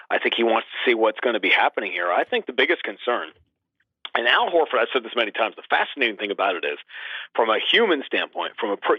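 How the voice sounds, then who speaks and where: A man, a sports announcer by trade, debates basketball as a vivid, insistent guest fond of rhetorical questions. The connection has a dull radio feel, his voice is mid-range, and there's no echo.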